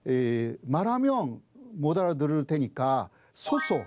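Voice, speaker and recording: A male professor with a Japanese accent gives an explanatory lecture in a high, very lively voice. His pitch swings widely as he sets up questions and answers them. The tone stays soft-edged, with faint music behind him. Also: slow. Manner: didactic, asks questions then answers them.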